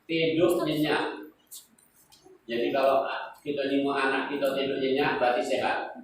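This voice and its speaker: A man's voice: mid-range voice, level tone, moderate pace. A middle-aged man with a Palembang accent giving a joking seminar talk to parents and quizzing the audience. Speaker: guest speaker. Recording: very echoey hall, far from the mic, noisy.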